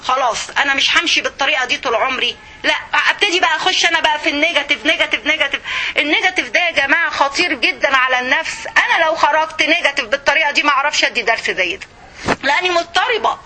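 A middle-aged woman with an Egyptian accent giving an informal religious lesson, lively and conversational, speaking straight to her listeners. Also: high-pitched, very fast, slight background noise. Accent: Egyptian Arabic. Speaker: religious teacher.

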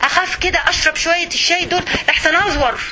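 Egyptian woman preaching quick and lively, high voice, acts stuff out. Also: background noise. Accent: Egyptian Arabic. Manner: animated, acts out scenes. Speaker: religious speaker. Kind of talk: religious talk.

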